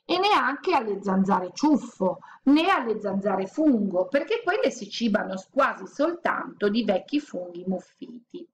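A woman voicing a gentle, chatty sand wolf with a raspy voice, playfully explaining things in a storybook. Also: mid-range voice, very animated, unhurried, hardly any pauses, muffled recording, slight background noise.

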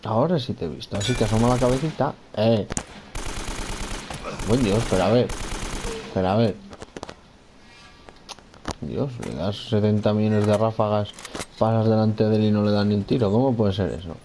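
A man's voice: lowish voice, moderate pace, long pauses, background noise. A man giving casual let's-play commentary, talking to himself and his character, repeating phrases and swearing at enemies. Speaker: gamer playing a video game.

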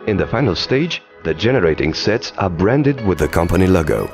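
A man giving scripted documentary narration in an even, explanatory delivery, recorded as a studio voice-over. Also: low-pitched, a little fast, soft background music.

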